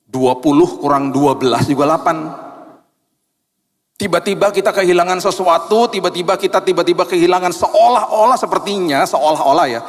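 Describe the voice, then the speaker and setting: A man's voice: fairly high pitch, a little fast, long reverb tail. A middle-aged man preaching a sermon as pastor, talking conversationally and acting out the voices of his congregants. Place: church.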